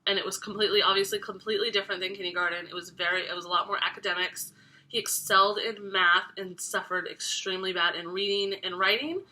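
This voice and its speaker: A parenting vlogger in her twenties talks casually to camera in a mid-range voice with a sharp tone. She sounds congested from a cold and keeps saying um and restarting her sentences.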